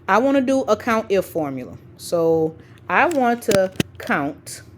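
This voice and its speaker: A woman with a medium-pitched, widely swinging voice takes her time over a noisy background, recorded as a screen-recording voice-over. She's a spreadsheet tutorial instructor for educators, walking through a screencast step by step and dictating formulas piece by piece. Her manner is informal, and she checks in often with "okay" and "right."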